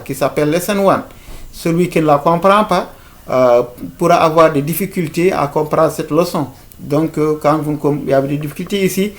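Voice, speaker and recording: A man teaching an informal video lesson, hesitant, with many fillers, restarts and repeated words. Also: on the high side. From Africa.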